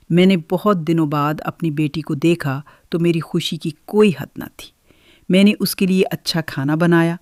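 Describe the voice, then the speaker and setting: An older woman telling her own family story in the first person, in a measured, gentle way. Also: low voice, dry recording, clean studio sound.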